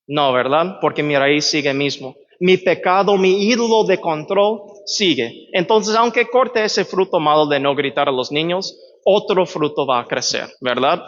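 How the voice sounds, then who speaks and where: A man's voice: on the high side, a bit bright. Man preaching in a reverberant hall. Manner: conversational, asks the audience "¿verdad?" often. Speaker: pastor. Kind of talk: sermon teaching. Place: church hall. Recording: dull sound, long church reverb.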